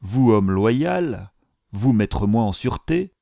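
A man's voice: fairly low pitch, sing-song, slow pace, vocal fry, warm tone, dry recording, clean studio sound, full character voice. A man voicing a frantic foreign male servant who pleads urgently in broken, pidgin phrasing. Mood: frightened.

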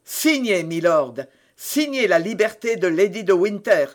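Man doing an intense young fanatic, high voice, slow, declaiming, audiobook. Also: lively intonation. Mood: vehement. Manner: intense, rising to loud declamation. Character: fervent young male zealot, grim and accusing.

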